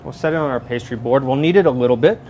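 Racing along at a medium pitch, a chef in his thirties demonstrates recipes in a large professional kitchen. The lapel-mic audio is lo-fi with slight background noise, though his step-by-step instruction stays steady.

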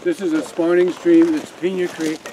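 An older man gives a casual outdoor walking tour of his farm to a group, rambling with many restarts and fillers. His voice is a little high and level at a moderate pace, recorded on a camera among the standing group with a noisy background.

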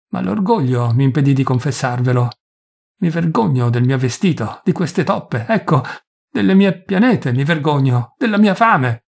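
A man's voice: a little high, gravelly, darkish tone, breathy edge, full character voice. A man voicing a poor young village priest, pleading and self-accusing in shame.

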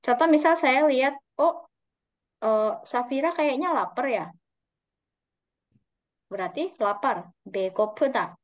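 A woman's voice: high voice, expressive, dry recording. A woman teaching a Korean class online, patiently drawing out example words. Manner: patient, drawn-out model pronunciations. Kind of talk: online class explaining grammar. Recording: dry, slightly dull online call audio.

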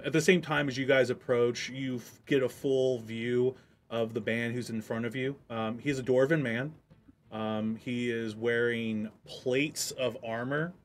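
A man narrating a tabletop game as game master, in a relaxed way with frequent ums. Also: medium pitch, a little hiss or hum.

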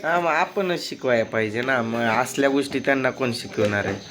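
A man's voice: mid-range voice, brisk, crowd noise. A father chatting casually in a family vlog, playful and teasing as he calls out to his children. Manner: playful, teasing, often calling out to the kids.

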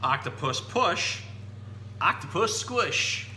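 A man in his thirties with a high voice speaks slowly as an enthusiastic storytime host, explaining things to children during a casual educational picture-book reading. The room has a noticeable echo and a steady hum underneath.

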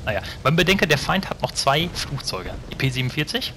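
Guy chatting through his flight game, rambles a lot, crisp bright voice, faint hiss behind. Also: fairly high pitch, big pitch swings, fairly quick. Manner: chatty, rambling, swears casually, asides to viewers. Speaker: gameplay commentator. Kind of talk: casual gameplay commentary.

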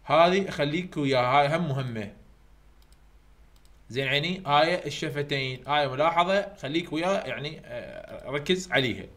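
A man with an Iraqi Arabic accent giving an online university lecture, repeating key points slowly to drill his students. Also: fairly high pitch, expressive, a bit bright. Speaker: university English tutor. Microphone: computer mic over weak internet.

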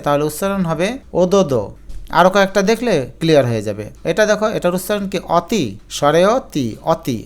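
A man teaching a pronunciation lesson, slowly drawing out and repeating each word as he explains the spelling. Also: sits high, clear, resonant tone.

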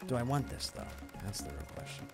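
A man's voice: lowish voice, big pitch swings, brisk. Chatty man thinking aloud over music. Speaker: gaming YouTuber. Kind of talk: casual gameplay commentary. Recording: music playing underneath.

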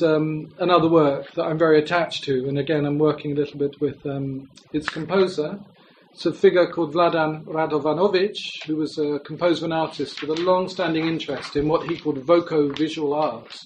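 A man's voice: on the high side, darkish tone, slight background noise, poor audio. A man giving an academic presentation, speaking in a thoughtful, exploratory way with hedging phrasing. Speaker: lecturer.

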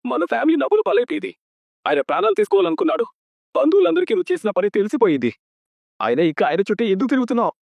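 In a TV serial, an actor plays a hot-tempered, domineering elder brother who furiously scolds and threatens his sister. His male voice is high-pitched and very animated, coming in rapid-fire bursts with vocal fry and heavily acted delivery. The recording is dry, dull and lo-fi.

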